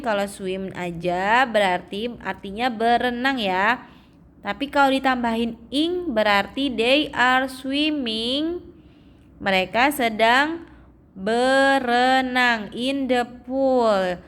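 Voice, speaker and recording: A young adult woman teaching English to children, drawing out example phrases slowly and checking in often. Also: a little high, fairly bright tone. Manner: slow, drawn-out reading of English phrases, frequent "ya" checks. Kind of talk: explaining English lesson to children.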